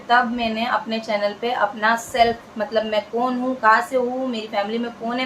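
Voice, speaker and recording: A vlogger woman talks straight to her viewers in a fairly high voice. She is earnest and chatty and repeats her phrases to drive them home. A faint hiss sits under the talk. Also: a bit bright, low-quality recording. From India. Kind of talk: casual talk to camera.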